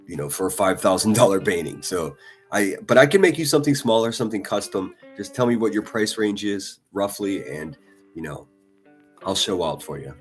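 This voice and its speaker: A man on a casual live stream reading viewer comments, blunt and profane, talking passionately and often restarting his sentences. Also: deep voice. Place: at a desk in front of a laptop.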